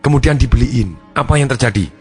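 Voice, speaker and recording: A man giving a motivational seminar talk, telling examples with lively energy. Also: medium pitch, fast, soft background music. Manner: lively, animated storytelling. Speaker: motivational speaker.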